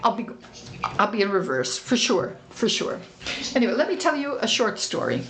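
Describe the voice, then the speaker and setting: A woman speaks from a conference stage, giving a motivational talk. Her voice sits a little high, and she keeps it light and humorous, teasing the audience with rhetorical questions.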